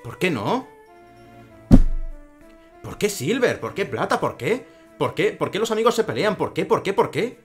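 A man with a Spain Spanish accent comments on a video game as he plays, sarcastic and quick to swear. His voice sits a little on the high side for a man. Faint game music plays behind him. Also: big pitch swings. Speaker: let's play commentator. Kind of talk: gameplay commentary.

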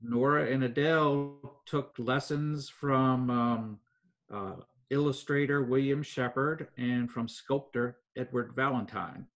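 An older man, telling local history in an interview at an even pace with many fillers. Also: medium pitch, lo-fi sound, faint music behind. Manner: measured storytelling with frequent fillers. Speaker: foundation president, guest.

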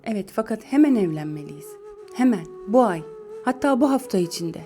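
A woman voicing an earnest young woman in a storybook reading, speaking quietly and seriously. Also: mid-range voice, animated, a little fast, faint music behind, lightly acted.

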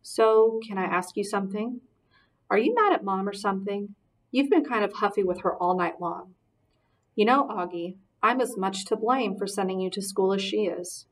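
Woman reading as a gentle, reassuring father. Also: mid-range voice, lively intonation, normal speed, natural voice. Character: gentle loving middle-aged father. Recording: voice distant from mic.

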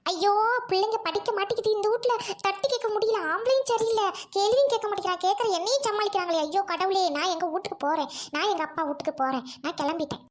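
Brief: a voice actor doing a shrill, quick-scolding cartoon mum with a Tamil Nadu accent. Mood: wailing. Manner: shouting, nagging, wailing. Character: angry scolding middle-aged mother. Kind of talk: cartoon voice acting.

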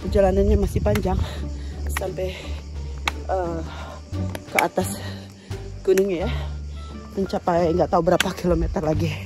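A travel vlogger in her thirties hikes a mountain trail outdoors, chatting casually to her phone camera held at arm's length and switching between two languages. Her voice is on the low side and steady at a moderate pace, and she sounds a bit out of breath from the climb. The phone video has background music running underneath.

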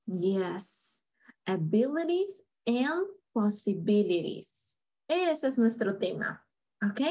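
A woman teaching an English class over a video call, switching between Spanish and English and repeating words slowly for her student. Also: medium pitch, muffled recording. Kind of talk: online English lesson.

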